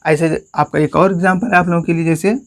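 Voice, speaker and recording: A man's voice: a little high, steady tone, brisk. A man with a Hindi accent teaching English grammar in a classroom-style lesson, often calling his listeners friends and asking questions that he answers himself. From India.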